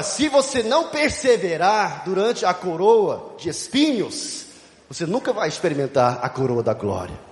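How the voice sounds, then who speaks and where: Male preacher, high and lively delivery, sermon storytelling, booming hall reverb. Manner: animated storytelling, shouting and laughing. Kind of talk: youth conference sermon. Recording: echoey hall.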